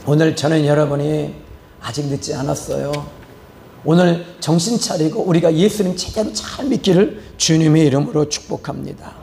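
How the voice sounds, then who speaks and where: A male pastor delivers an emphatic sermon in a high, creaky voice. He keeps asking the congregation rhetorical questions and weaves in stories. His voice rings around an echoey church room. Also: normal speed, mellow, a little hiss or hum.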